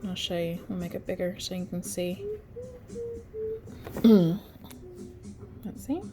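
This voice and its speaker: A congested woman hosting a craft tutorial talks slowly and expressively in a lowish voice, with music playing underneath. She chats her way through step-by-step instructions in a casual screen-share, saying "um" often.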